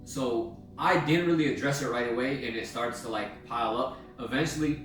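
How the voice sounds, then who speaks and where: A man's voice: mid-range voice, moderate pace, a bit bright. A young man giving a blunt, slangy, casual self-help talk, swearing freely. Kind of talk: casual motivational monologue. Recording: very echoey room, mic at a distance, music behind.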